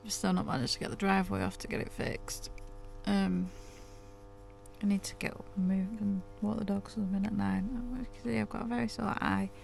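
A UK woman in her thirties chats casually to camera inside her camper van, a little stuffy with a sore throat, laughing often and cooing at her dogs. Her medium-pitched voice is gravelly and darkish, brisk with little pitch movement. Slight background noise is present.

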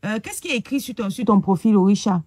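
A woman hosting a casual live stream, talking hesitantly and filling pauses with "euh" while she searches on her phone. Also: mid-range voice, noisy background.

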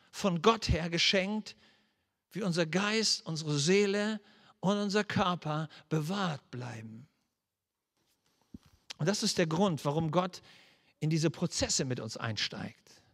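A male pastor preaching a sermon, earnestly asking his listeners direct questions and turning soft and low as he leads into prayer. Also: measured pace. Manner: drops to a soft, low voice when leading into prayer. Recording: long hall reverb.

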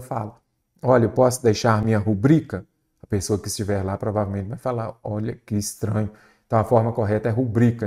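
A man's voice: medium pitch, a little mellow. A male teacher with a Brazilian Portuguese accent, walking through exam questions step by step and asking his listeners questions as he goes. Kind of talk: exam prep lesson.

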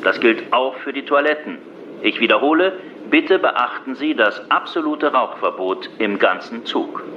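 A train loudspeaker announcer. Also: male voice, mid-range voice, lively intonation. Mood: announcing. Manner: formal, measured announcing. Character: polite male train staff announcer. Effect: onboard loudspeaker announcement. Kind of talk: public address announcement. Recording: muffled noisy loudspeaker sound.

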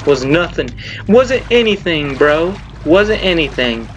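A man's voice: on the high side, takes it slowly, highs cut off, soft background music. Jumpy young man narrating a horror game. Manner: jumpy, excitable, yelps when startled. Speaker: gameplay video host. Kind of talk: casual gameplay commentary. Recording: game sound under the voice. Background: horror game ambience.

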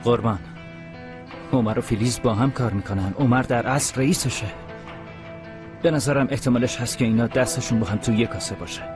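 A man's voice: medium pitch, long pauses, over music, lightly acted. A man dubbing a vengeful young policeman in a TV drama, bitter with rivals and deferential to his boss. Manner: bitter, grovels to superiors. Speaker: police officer. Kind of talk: dubbed TV drama.

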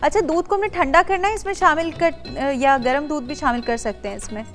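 A woman in her thirties hosts a TV cooking show from a bright studio kitchen set, talking straight to viewers in a chatty way with many affirming hums. Her voice sits high and is a bit bright and a little fast, over soft background music.

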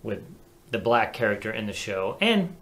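A man co-hosting a casual talk show, animated and chatty, laughing easily. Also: on the low side, normal speed. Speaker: co-host. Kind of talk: casual chat.

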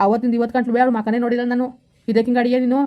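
A woman's voice: a little high, level tone, racing, highs cut off, close to an everyday voice. A woman voicing a flustered village husband who protests his innocence to his mother and wife. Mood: protesting. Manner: protesting, pleading. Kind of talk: village comedy skit.

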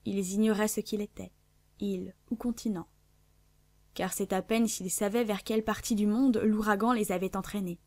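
A woman reads a classic adventure novel aloud as an audiobook narrator. Her delivery is measured and clear, pitched in an ordinary middle range. The sound is dry and close, with no room around it. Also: fairly even intonation, dark tone, no echo. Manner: measured, clear literary reading.

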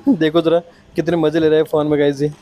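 A man's voice: fairly high pitch, level tone, a little fast, mellow. A young man talking casually to his viewers as a vlogger, chatty and friendly with the camera. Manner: chatty, addresses viewers as guys. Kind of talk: casual vlog chat.

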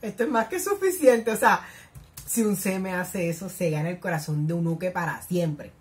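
A woman giving reaction commentary as a YouTuber, excitable and gushing, full of exclamations. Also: lowish voice, normal speed.

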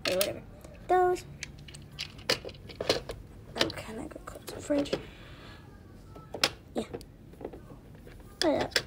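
A high-pitched woman with a gravelly edge narrates doll play, her voice leaping up and down. She rambles casually and keeps brushing things off. The home recording carries steady background noise and small clicks. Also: slow, long pauses. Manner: rambling, shrugging things off with "whatever". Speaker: video creator.

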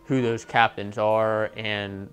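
A man's voice: on the low side, flat delivery, slow, clear, resonant tone, faint music behind. A man hosting a wrestling channel, eagerly asking a coach questions during a casual tour. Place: indoor college wrestling facility.

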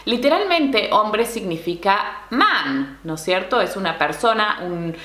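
Her mid-range voice is bright and forceful, with big pitch swings, bouncing around an echoey room. The woman is giving a patient Spanish slang lesson, explaining slowly and often checking in with "¿no?" or "¿sí?".

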